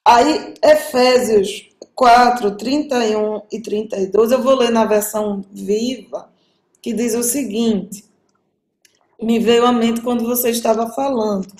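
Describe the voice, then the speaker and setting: A woman's voice: fairly high pitch, steady tone, unhurried, a little mellow. A woman hosting a church conversation, reading bible verses and viewer questions. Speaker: host and moderator. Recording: echoey room.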